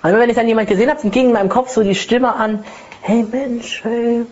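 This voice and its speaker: A woman's voice: a little high, fairly even intonation, rapid-fire, darkish tone, dull audio. A woman giving a personal development talk, telling her own story conversationally with tag questions. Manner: conversational, tag questions, acts out inner voices. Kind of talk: lecture with personal anecdote.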